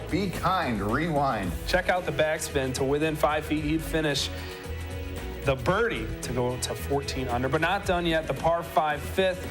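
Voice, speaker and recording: A man narrating scripted golf highlights as a commentator, with playful, colloquial quips. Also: echoey room. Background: music.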